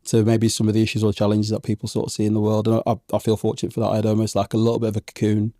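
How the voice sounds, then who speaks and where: A man's voice: fairly low pitch, completely flat delivery, racing, warm tone, dry recording, studio quality. A man in his thirties who grew up in England, talking reflectively in an interview with many ums and restarts. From Zambian parents, raised in England from age one. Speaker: podcast guest. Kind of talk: conversational interview.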